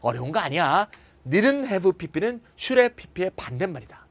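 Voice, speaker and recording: A man's voice: sits high, measured pace. A middle-aged man giving a recorded grammar lecture who checks with his students and acts out short everyday lines. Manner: lively, switches between formal and casual speech, often asks students to confirm.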